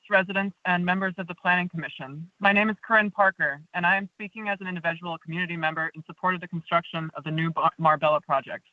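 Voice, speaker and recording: A woman on a phone line giving a public comment at a planning meeting, reading an earnest, measured prepared statement. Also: lowish voice, dry recording. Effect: tinny phone line. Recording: tinny dry phone line.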